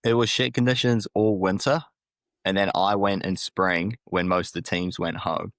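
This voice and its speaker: A man's voice: deep voice, fairly even intonation, normal speed, fairly bright tone, no echo. A young man from New Zealand with a New Zealand accent, a podcast guest telling laid-back stories, swearing and laughing often. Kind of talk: casual chat.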